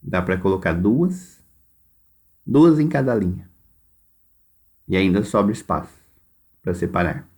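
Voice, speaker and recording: A man's voice: low voice, expressive, unhurried, long pauses, a little mellow. A Brazilian man teaching a primary class by recorded video, dictating instructions and stretching words out syllable by syllable. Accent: Brazilian Portuguese.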